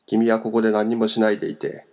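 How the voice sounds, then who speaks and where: A bitter, tearful young man, pained and lashing out, as a male narrator voices him. His voice sits low with a gravelly grain. Read as an audiobook character. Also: little pitch movement, fast, darkish tone.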